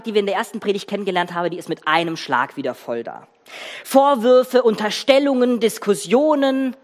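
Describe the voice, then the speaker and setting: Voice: mid-range voice, in a large hall. Ein Prediger erzählt lebhaft und mit Nachdruck und spricht die Zuhörer direkt an. Die Stimme liegt in mittlerer Lage, und hinter ihr hallt ein großer Kirchenraum lange nach. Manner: lively, emphatic storytelling, addresses listeners directly. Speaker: preacher. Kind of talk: sermon.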